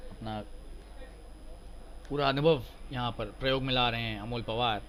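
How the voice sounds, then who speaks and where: A man calls a cricket match with a bright, forceful voice at a medium pitch. He delivers excited play-by-play commentary in the practised style of a live sports commentator. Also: normal speed, slight background noise. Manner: excited cricket commentary, voice surging on big shots.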